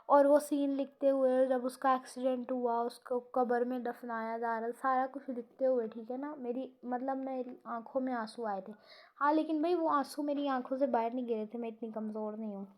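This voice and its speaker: A woman with a high voice talks casually about her own novel, rambling along and stopping to correct herself mid-sentence. She sounds tired and sleepy. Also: steady tone, darkish tone. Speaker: novel writer.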